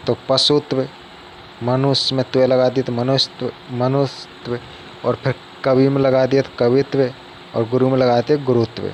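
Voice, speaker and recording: A man's voice: medium pitch, flat delivery, normal speed, a little mellow, slight background noise. A man giving a casual spoken Hindi grammar lesson, explaining step by step and often asking the viewer questions.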